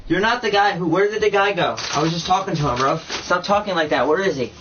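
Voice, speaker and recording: Brash fast-talking young guy saying bro. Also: high voice. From USA. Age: young adult. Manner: brash and bossy, slangy, swears and keeps saying bro. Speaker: vlogger. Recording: dull lo-fi mic with faint noise.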